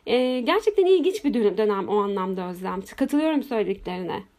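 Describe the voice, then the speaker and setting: A woman's voice: medium pitch, animated, fast, a little mellow. A woman hosting a casual conversation, musing thoughtfully and asking questions. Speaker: host.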